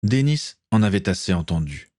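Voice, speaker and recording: A man reading an adventure novel aloud in a low voice. His delivery is lively, with wide swings in pitch as he tells the story. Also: normal speed, no room sound, studio quality. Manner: expressive storytelling, does all the voices. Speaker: narrator. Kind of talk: audiobook narration of an adventure novel.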